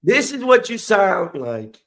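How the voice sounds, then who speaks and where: Male podcast host, crude profane roaster, high and lively voice, unhurried. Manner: crude mocking insults.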